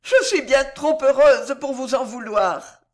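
A woman's voice: expressive, slow. A reader voicing a heartbroken young woman in a storybook who sobs, pleads and cries out. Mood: emotional. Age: young adult. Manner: high-pitched, tearful, crying out. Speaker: storybook heroine. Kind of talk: dramatic audiobook reading.

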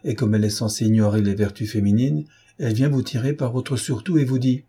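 A cocky young army officer holds court, as a male narrator acts him out. His voice is raised, husky and bragging, with a teasing, triumphant edge in this storybook reading. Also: medium pitch, steady tone, a little fast, mellow. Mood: boastful. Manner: boastful, mocking.

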